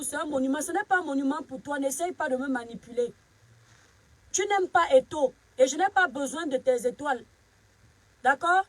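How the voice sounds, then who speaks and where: A woman's voice: high voice, no echo, low-quality recording. A woman from Cameroon hosting a casual live stream, greeting viewers by name and sharply scolding critics. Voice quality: husky.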